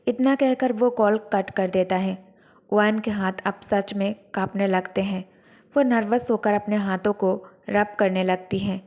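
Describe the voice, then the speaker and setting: A woman's voice: medium pitch, darkish tone. Woman narrating a dramatic story.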